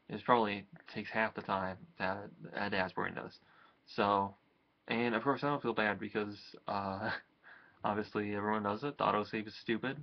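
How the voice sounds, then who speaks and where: A man's voice: fairly low pitch, muffled recording. A man casually rambling through a gaming tip video, restarting sentences and chuckling between thoughts. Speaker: gaming vlogger.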